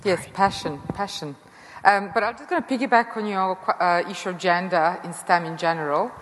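A woman from Serbia moderating a conference panel, earnest and sometimes pausing to find her words. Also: fairly low pitch, a bit bright, slight background noise. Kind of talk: panel discussion. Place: conference hall. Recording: hall with long reverb.

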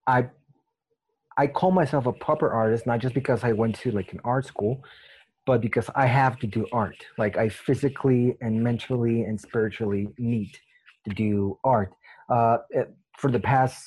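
A husky man hosts a relaxed interview, telling stories with animated energy and laughing often. His voice sits at an average pitch with a rough, breathy edge. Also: poor audio. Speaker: interviewer host. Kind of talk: casual conversation.

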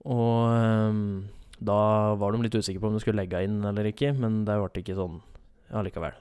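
Low-voiced rambling young man. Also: steady tone, a little mellow, clear, resonant tone. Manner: rambling, many fillers and self-corrections. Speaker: storyteller in a chat. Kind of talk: casual chat.

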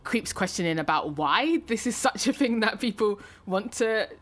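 A woman co-hosting a podcast, reflecting aloud in a thoughtful, measured way. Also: medium pitch, animated. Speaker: podcast co-host. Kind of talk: reflective discussion.

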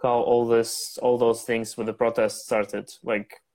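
A man's voice: mid-range voice, little pitch movement, unhurried, darkish tone. A young man hosting a casual podcast interview, asking loosely phrased questions in a hesitant way. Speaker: podcast host.

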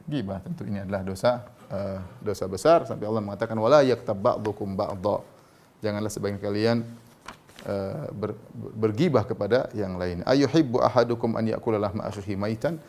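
A man's voice: lowish voice, darkish tone. A man giving a conversational sermon as an Islamic preacher, tagging his sentences with short affirmations and rising sharply for emphasis. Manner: conversational, frequent "ya" tags, rising emphatic peaks. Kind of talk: sermon lecture.

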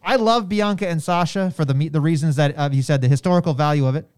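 Talking wrestling on a podcast he co-hosts, a man speaks quickly in a fairly high voice with a darkish, clean tone. He keeps it loose and conversational, circling back over phrases while reasoning things out.

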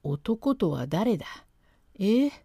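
A woman voicing a stern older master of the house who speaks curtly and gruffly, in a classic comic storytelling reading. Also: mid-range voice, big pitch swings, slow pace, mellow, no room sound, clean studio sound, heavily acted. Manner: gruff, curt and commanding. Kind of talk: reading a classic rakugo transcript aloud.

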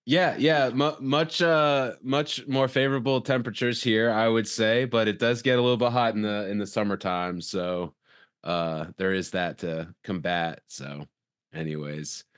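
Low-voiced man co-hosting a chat podcast. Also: steady tone, a little slow, fairly bright tone, smooth. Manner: rambling, filler-heavy, upbeat. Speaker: podcast co-host. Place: Atlanta.

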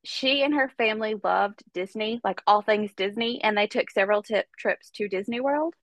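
Here a podcast host, sick with a cold, chats her way through a true-crime story with lots of fillers. Her mid-range, slightly bright voice goes at a normal speed, and the recording is dry.

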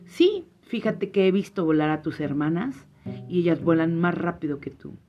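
A woman's voice: fairly low pitch, expressive, moderate pace, dark tone, natural voice. A woman from voicing a scheming, envious male fox in a spoken fable, coaxing and mocking. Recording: slightly muffled, faint guitar music.

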